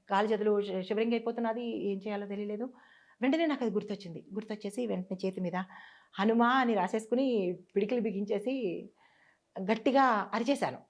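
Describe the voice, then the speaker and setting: A woman's voice: fairly high pitch, darkish tone. Earnest woman telling a personal story. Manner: earnest, halting, with restarts and repeats. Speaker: guest. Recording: dull lo-fi sound.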